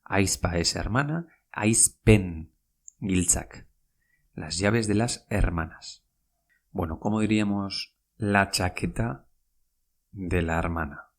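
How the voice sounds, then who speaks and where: A man's voice: sits low, slow. A man teaching a podcast language lesson, patient and repetitive, spelling out words and saying each phrase twice.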